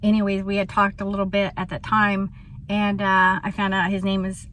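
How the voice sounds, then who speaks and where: A woman tells a casual vlog story in a loose, rambling way, full of fillers and small laughs. Her voice sits at an ordinary middle pitch. She sometimes drops to a hushed tone, and faint outdoor noise runs behind her. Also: completely flat delivery, moderate pace. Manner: chatty, rambling, lots of ums and laughs. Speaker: vlogger.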